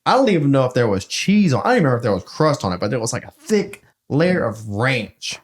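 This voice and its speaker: A man's voice: mid-range voice, fast talker. A young man, co-hosting a podcast and telling jokey stories in casual chat. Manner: joking, animated storytelling. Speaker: podcast co-host.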